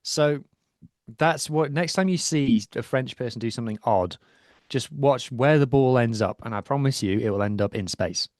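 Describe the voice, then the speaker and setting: This co-host of a rugby podcast has a medium-pitched, somewhat dark voice and talks at a normal speed, recorded dry. Working from his home studio, he chats casually and breaks down rugby while poking fun at himself.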